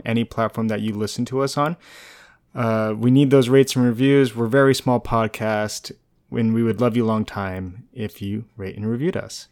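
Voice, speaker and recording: A man's voice: medium pitch, clean tone. A man co-hosting a casual gaming podcast, laid-back and rambling, often laughing. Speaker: podcast co-host.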